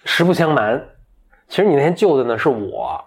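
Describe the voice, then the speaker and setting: A man voicing a gentle, polite young dragon princess who speaks persuasively, in a told folktale. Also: mid-range voice, big pitch swings, a little fast, slightly rough, voice pushed up.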